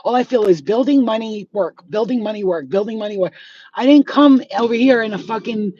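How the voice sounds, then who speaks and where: A woman's voice: on the high side, brisk, mellow. Blunt profane New woman in her forties. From New York. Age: 40s. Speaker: spiritual healer and reader. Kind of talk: casual rant to viewers. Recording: slightly dull, faint background noise.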